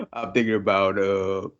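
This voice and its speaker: A man's voice: sits low, lo-fi sound. A man co-hosting a podcast in casual chat, laughing often and using loose slang. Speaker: podcast co-host.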